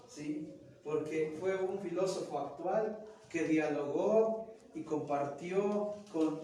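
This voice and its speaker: A man with a Mexican Spanish accent lectures students, his voice high and full of swings as he acts out quoted lines. He is picked up from far across an echoing room, with a faint hiss behind him. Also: mellow. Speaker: teacher. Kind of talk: classroom lecture.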